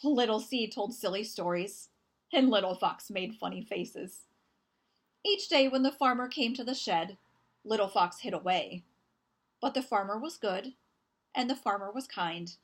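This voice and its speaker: Reading a children's picture book aloud, a woman storyteller uses a medium-pitched voice. She delivers the story in an expressive, deliberate way and leans on dramatic emphasis.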